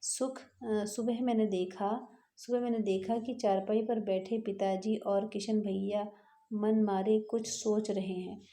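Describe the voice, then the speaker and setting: Her voice level and dark at a medium pitch, a female school teacher reads from a textbook chapter and then puts each passage into plainer language. The pace is slow and patient, with pauses and the occasional restart.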